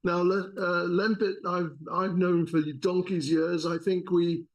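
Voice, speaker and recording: A man hosting an event, giving a polite, slightly halting formal introduction of a speaker. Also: sits high, level tone. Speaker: event host. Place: lecture room.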